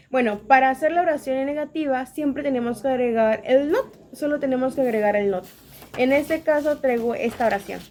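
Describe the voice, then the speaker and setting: A young woman explains English grammar to a class. She hesitates often and slows down to read out her example sentences. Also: high voice, a little mellow.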